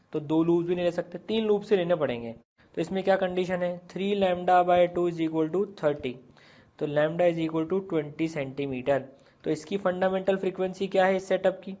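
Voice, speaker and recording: A man's voice: high voice, a little mellow. A male physics teacher, explaining step by step and asking and answering his own questions. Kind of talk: classroom physics lesson. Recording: slightly dull lo-fi sound.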